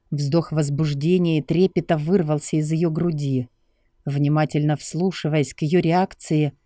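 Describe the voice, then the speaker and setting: Man reading an audiobook, mellow dark voice, low and slow, close dry sound. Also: dry recording. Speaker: audiobook narrator. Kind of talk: first-person novel narration.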